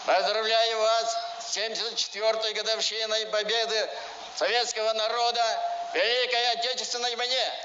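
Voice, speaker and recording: A man's voice: high-pitched, level tone, normal speed. A man, a military officer, projecting a formal ceremonial address and report. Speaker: military commissar, colonel reviewing the parade. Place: large outdoor square at a parade. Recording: echoey outdoor square, dull, noisy.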